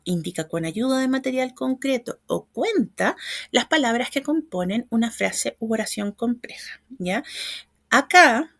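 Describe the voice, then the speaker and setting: A woman explains a lesson step by step, her voice a little gravelly with fry. She keeps checking in with her listeners through short tag questions. The sound is dry and close, with no room echo. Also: on the high side. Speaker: educational trainer. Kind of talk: explanatory lecture.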